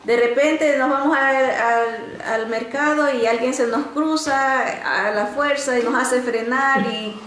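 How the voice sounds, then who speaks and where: A woman teaching a Bible lesson through stories, animated and often pausing on "este" and restarts. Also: echoey room, a little hiss or hum. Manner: animated storytelling, often rising in pitch to act out quotes; frequent filler "este" and restarts.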